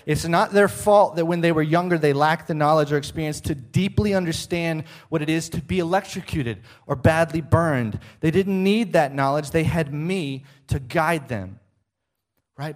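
A middle-aged man preaching a sermon, emphatic and rhetorical, often checking in with the listener. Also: on the high side.

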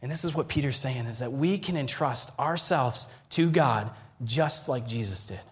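A man preaching a sermon, earnest, building to emphatic peaks and dropping to hushed, quiet lines. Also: medium pitch, normal speed. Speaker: pastor.

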